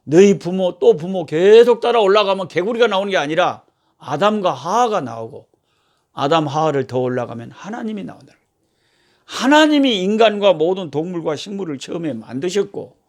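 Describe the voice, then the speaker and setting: A middle-aged man, a missionary, teaching a Bible devotional from a home, swinging from raised scripture readings to quiet asides. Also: fairly quick. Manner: animated, rising for scripture quotes and dropping to a low aside. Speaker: missionary preacher. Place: a church member's home.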